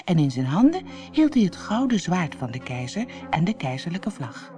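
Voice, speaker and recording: A woman reading a fairy tale aloud as a storybook narrator, clear and expressive. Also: on the low side, normal speed. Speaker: audiobook reader. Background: soft music.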